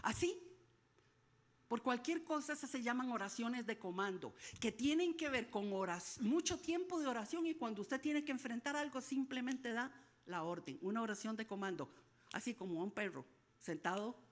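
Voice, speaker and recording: Animated high-voiced preaching woman. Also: normal speed. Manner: animated preaching, acting out dialogue and rising to shouted questions. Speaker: pastor. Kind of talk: sermon.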